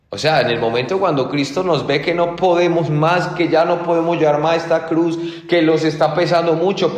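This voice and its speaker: A male pastor preaches earnestly and conversationally, often checking in with his listeners. His mid-pitched voice carries a long reverb through a roomy church hall. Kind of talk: sermon.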